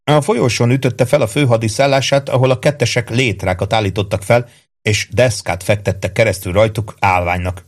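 A man reading a novel aloud in steady, even narration. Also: mid-range voice. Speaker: audiobook narrator. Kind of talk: scripted narration.

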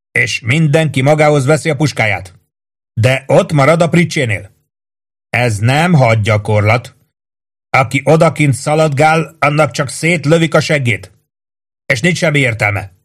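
A man reading an audiobook, voicing a gruff army first sergeant who shouts orders at his troops in a loud, raised voice. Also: on the high side, pitched above the performer's own voice. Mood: commanding, shouting. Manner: barks commands, curses, loud and emphatic.

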